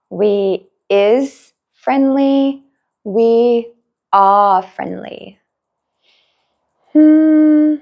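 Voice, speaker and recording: A woman teacher leads a beginner English lesson. She speaks at an extremely slow pace and pauses between every word. The sound is a little dull and lo-fi. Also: a little high. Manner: slow, clear, deliberate drilling with long pauses.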